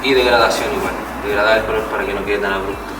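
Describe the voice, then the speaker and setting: A man's voice: fairly low pitch, steady tone, fast talker. A man, demonstrating mural painting step by step and checking in with his students as he goes. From Chile. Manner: explanatory, checks in with "¿cierto?". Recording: roomy, distant mic, music behind.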